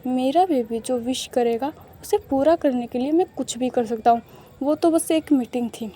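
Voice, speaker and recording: A woman voicing a doting, possessive young businessman who pleads with his partner in quick bursts, mixing in English phrases. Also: high-pitched, warm tone, lightly acted.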